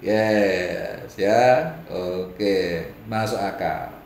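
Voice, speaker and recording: A man coaching a live online audience, reading out their comments, laughing often and mimicking other people in a higher voice. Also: extremely slow, a little mellow, slight background noise. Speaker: business coach. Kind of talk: live-stream talk answering viewer comments. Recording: roomy echo.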